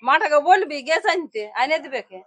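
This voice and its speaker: A grumbling, middle-aged village mother-in-law with a Purulia Bengali accent scolds her idle daughter-in-law, played by an actress. She speaks in a very high voice, in a nagging, scolding tone. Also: animated, fairly quick. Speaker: actor in a village drama.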